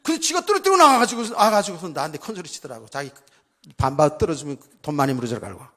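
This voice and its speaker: A middle-aged man preaching in a church, his voice a little high for a man and swinging widely in pitch. He preaches in a talky way, slipping into the voices of people he quotes. His words ring out with a long reverb from the hall. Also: fast. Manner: animated and conversational, acting out quoted voices. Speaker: pastor. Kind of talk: sermon. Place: church sanctuary.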